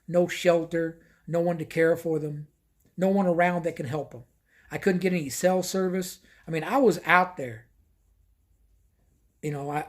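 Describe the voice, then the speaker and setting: Guy with a high voice telling a rambly story about his trip, repeats himself a lot. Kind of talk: casual first-person anecdote.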